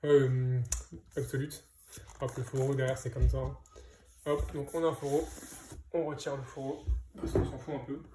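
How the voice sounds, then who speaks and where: A man's voice: mid-range voice, level tone, normal speed, long pauses, dark tone, a little hiss or hum. A man casually presenting his comic book purchases to viewers, hesitant, with lots of fillers and restarts. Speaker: comic book collector vlogger. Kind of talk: casual unboxing chat.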